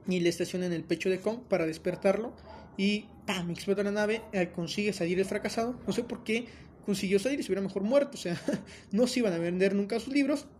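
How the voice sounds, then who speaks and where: A man's voice: high voice, a little hiss or hum. A man with a Mexican accent hosting a casual film recap, joking and telling it with lots of fillers. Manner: joking, animated storytelling with many fillers.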